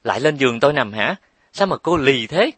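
A man's voice: medium pitch, lively intonation, fairly quick, a bit bright, no echo. A man voicing a brash, scheming young husband in a storybook reading, snapping out irritable retorts. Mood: irritated.

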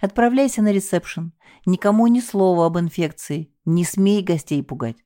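A woman's voice: lowish voice, moderate pace, mellow, lightly acted. A woman voicing a bossy, scheming middle-aged female hotel manager who gives curt, commanding orders. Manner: curt, commanding, falsely soothing.

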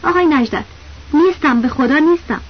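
A woman's voice: high-pitched, lightly acted. A woman reading the quoted lines of a young man posing as a teacher, flustered and pleading as he keeps denying things. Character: flustered young male impostor teacher, desperate. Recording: dull lo-fi audiobook recording with faint hiss.

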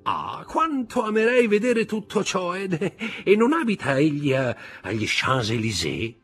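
A man's voice: sits high, sing-song, unhurried, husky, faint music behind, voice pushed up, exaggerated voice. A man reading aloud, voicing a greedy, wheedling old male schemer who stammers and repeats his words. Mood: scheming.

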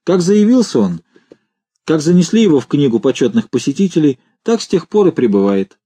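A man's voice: fairly high pitch, sing-song, a little fast, mellow, husky, voice pushed up. Man doing a timid, tender commandant. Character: timid, gentle male commandant, fond of his creature.

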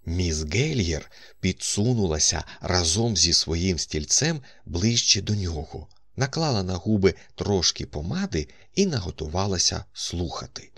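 A man narrating an audiobook, telling the story in the first person as a doctor, with a husky voice. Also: sits low, big pitch swings, a little slow, few pauses, fairly bright tone, no echo. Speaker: audiobook reader. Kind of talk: scripted narration.

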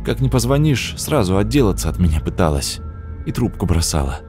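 A man reading an audiobook, voicing a sad young woman in a softly raised voice. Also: fairly low pitch, very animated, a little fast, soft background music. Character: sad young woman visiting her late grandmother's house.

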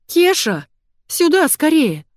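A woman voicing a sharp-tongued young woman who drawls and scolds. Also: on the low side, sing-song, fairly quick, no echo, studio quality. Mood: shouting.

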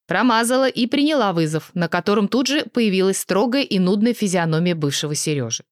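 A woman narrating a story in a lively, expressive reading. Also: mid-range voice, fairly quick, no echo, clean studio sound. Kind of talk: audiobook reading.

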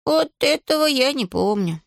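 Whiny sly schoolboy for a storybook, read by a woman, higher than her own voice, dry close sound. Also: animated, moderate pace, vocal fry, no echo. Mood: sulky. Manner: whiny, wheedling, feigns weakness. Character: lazy cunning schoolboy, whiny and stubborn. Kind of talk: audiobook character voice.

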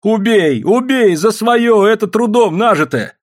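A man's voice: sits high, animated, a little slow, voice pushed up. A male narrator voicing a desperate young woman who shrilly pleads to keep her gold.

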